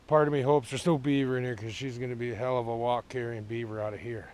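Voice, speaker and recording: A man's voice: mid-range voice, fairly even intonation, quick pace, darkish tone. A man out of breath after a hard walk in, narrating a casual outdoor vlog at a pond in a plainspoken, rambling way, recorded on an action camera. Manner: plainspoken, rambling, matter-of-fact. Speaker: trapper filming his own channel.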